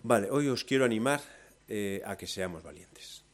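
A man with a Spanish accent from Spain preaching a sermon, moving between loud, lively storytelling and soft, low emphasis. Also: moderate pace.

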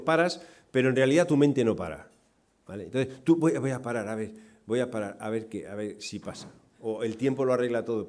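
A male preacher gives a conversational sermon at an ordinary pitch. He keeps asking his listeners questions. He leans hard on the key words and then drops almost to a murmur. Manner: conversational, asks the congregation questions; dynamic, swings from loud emphasis to quiet asides.

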